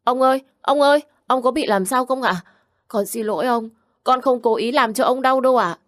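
A small, affectionate little boy speaks in a bright, high voice, as a woman puts him on. He sounds polite and eager, his pitch lifted well above an adult's. The recording is dry and close, with no room behind it. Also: lively intonation, normal speed, no room sound, lightly acted. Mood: tearful. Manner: chirpy and polite, tearful when upset.

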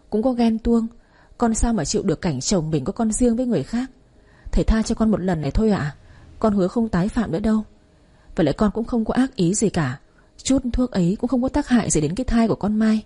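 A woman's voice: mid-range voice, dark tone, breathy edge. A woman voicing a tearful young daughter-in-law begging forgiveness, in an audio story. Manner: begging, sobbing.

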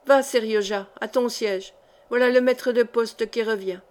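A woman's voice: fairly high pitch, steady tone, a little slow, darkish tone, lightly acted. Woman voicing a teasing coachman. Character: teasing male coachman, nosy.

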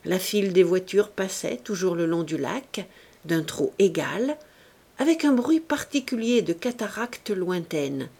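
Brief: female audiobook narrator, breathy, slow, very lively pitch. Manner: expressive and unhurried. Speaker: audiobook reader. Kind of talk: novel narration.

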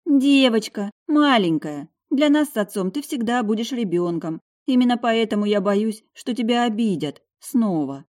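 A woman's voice: fairly high pitch, animated, moderate pace, hardly any pauses, darkish tone, pitched above the performer's own voice, lightly acted. A woman voicing a worried, tender mother. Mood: anxious, warning. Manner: anxious, coaxing and protective. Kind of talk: audiobook character voice.

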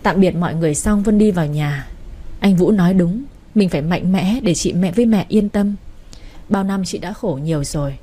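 A woman's voice: fairly low pitch, moderate pace, mellow. A woman reading a romance story aloud and voicing all the characters herself. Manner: reads every character in her own voice, with little change. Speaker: story narrator.

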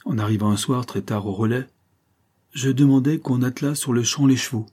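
A guilt-ridden young officer recounts his tale in an earnest, confessional tone, as a man reads the part. His voice is husky and dark, slightly raised from the reader's usual voice. It belongs to a storybook reading. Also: medium pitch, fairly quick, lightly acted. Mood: rueful.

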